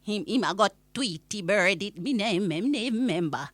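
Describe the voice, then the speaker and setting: A woman playing an exasperated old Jamaican granny, telling a comic rant with indignant, drawn-out emphasis. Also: medium pitch, expressive, close to an everyday voice. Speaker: storyteller.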